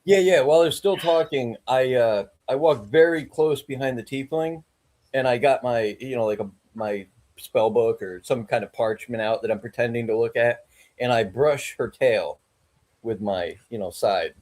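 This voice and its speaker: A man at a tabletop game describing what his character does, casual and a little hesitant. His voice sits at a middling pitch. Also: moderate pace, a little mellow. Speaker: player.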